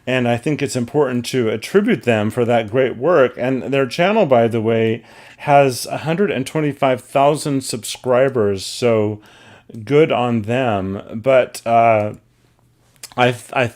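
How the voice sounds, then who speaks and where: A man hosting his own interview show, earnest and talkative, introducing his guest and carefully crediting others. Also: mid-range voice. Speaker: podcast host.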